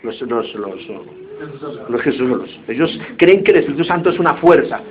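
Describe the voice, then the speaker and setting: A man preaching a sermon, telling anecdotes in an animated way and acting out the quotes. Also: medium pitch, normal speed. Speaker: pastor. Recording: tinny phone-like audio with faint hiss.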